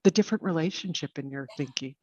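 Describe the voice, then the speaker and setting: Woman host, eager interviewer, breathy voice, muffled dry recording. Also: low voice, darkish tone, no room sound. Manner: enthusiastic, halting, restarts often. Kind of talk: conversational interview.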